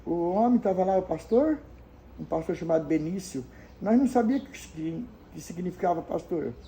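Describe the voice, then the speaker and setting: A woman's voice: lowish voice, animated, moderate pace, dark tone, a little hiss or hum, rough recording. An older woman from Brazil telling childhood memories in a homely, casual way, acting out the dialogue of the people in her story. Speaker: storyteller answering viewer questions.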